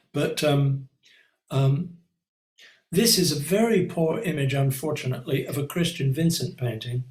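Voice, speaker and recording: Man teaching painting over a roomy call. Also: mid-range voice. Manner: reflective, conversational, lots of ums and self-asides. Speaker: art teacher. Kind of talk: live online painting class. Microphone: computer mic on a video call.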